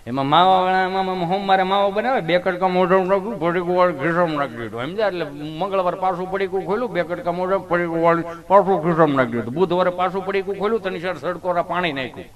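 A man's voice: high-pitched, racing, hardly any pauses, lo-fi sound. A man, telling folksy comic stories on stage and acting out the people in them. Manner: folksy storytelling, acts out the people in his anecdotes. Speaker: stage comedian. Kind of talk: live comic storytelling.

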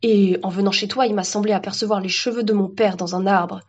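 A woman voicing a jittery young male neighbor who talks in a rushed, excitable way, on a dull lo-fi recording. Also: medium pitch, breathy edge, lightly acted. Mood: alarmed.

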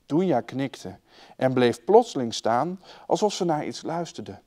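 A man with a Dutch accent reading a children's story aloud, raising and dropping his voice for the children's lines. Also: measured pace. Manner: lively, shifts loudness and pitch for the children's lines.

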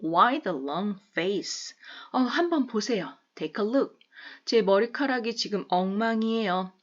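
Woman, English teacher, slow careful delivery, repeats phrases for learners, muffled lo-fi recording. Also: mid-range voice, lively intonation. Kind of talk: English lesson explaining phrases.

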